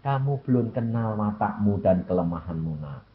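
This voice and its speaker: A man, quoting God speaking gravely to him as a young man. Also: fairly low pitch, animated, moderate pace, pitched below the performer's own voice, close to an everyday voice. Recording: lo-fi recording.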